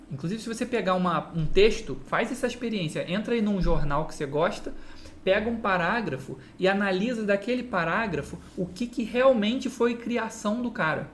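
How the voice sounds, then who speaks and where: A man with a Brazilian Portuguese accent giving a direct-to-camera guitar lesson, often checking in with the listener through quick rhetorical questions. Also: high voice, slight background noise. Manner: explains with repeated "entende?" and quick rhetorical asides. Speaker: guitar teacher.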